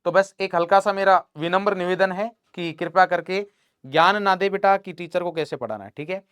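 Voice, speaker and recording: Bright, teasing young male teacher. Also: sits high, normal speed, clean tone, dry recording, clean studio sound. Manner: playful teasing, talks to students as "beta". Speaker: chemistry teacher. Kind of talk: online class lecture.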